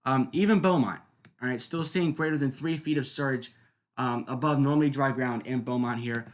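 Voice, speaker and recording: A man's voice: medium pitch, normal speed. A man hosting a live weather stream, explaining in an unscripted, conversational way and often checking in with listeners. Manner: conversational, explanatory, repeatedly seeking agreement.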